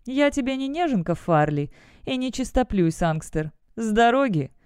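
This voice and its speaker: A woman's voice: on the high side, lively intonation, normal speed, a little mellow, clear, resonant tone, dry recording, clean studio sound, pitched above the performer's own voice, close to an everyday voice. A woman reading the lines of a haughty young female demonologist who gives clipped, cold orders. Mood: cold, curt.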